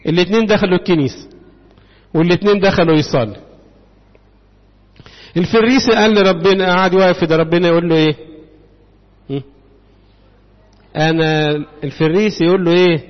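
A man with an Egyptian accent preaching a sermon, often pausing on questions for the congregation to answer. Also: sits high. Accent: Egyptian Arabic. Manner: call-and-response questioning of the congregation. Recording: dull reverberant hall sound.

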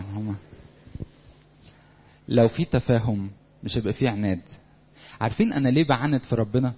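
A man's voice: mid-range voice, slightly rough. A man with an Egyptian Arabic accent preaching a sermon to young people, talking conversationally and acting out little dialogues. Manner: lively, conversational, acts out quotes. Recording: lo-fi recording in a reverberant hall.

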